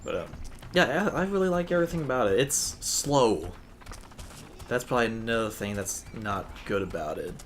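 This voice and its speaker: Young man, host, rambling chat while gaming, lots of swearing, scratchy sore throat, mid pitch, background noise. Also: expressive, normal speed, fairly bright tone.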